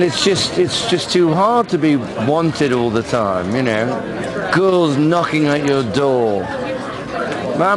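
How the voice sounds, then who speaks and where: A man voicing a cocky swinging sixties playboy spy, flirty and boastful, with drawn-out lines. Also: on the high side, voice pushed up, poor audio.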